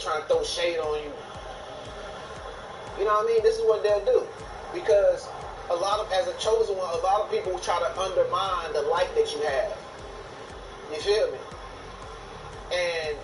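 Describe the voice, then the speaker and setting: A man streaming a game while giving a boastful, profane, rambling talk, speaking from Thailand. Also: high voice. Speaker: gaming streamer. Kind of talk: casual rambling monologue while gaming. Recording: echoey, distant mic, noisy background.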